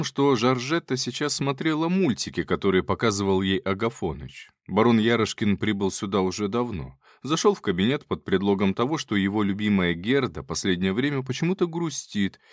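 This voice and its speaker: A man's voice: on the low side, lively intonation, brisk, hardly any pauses, no room sound, studio quality. A man narrating a first-person audiobook in a wry, sardonic, conversational way.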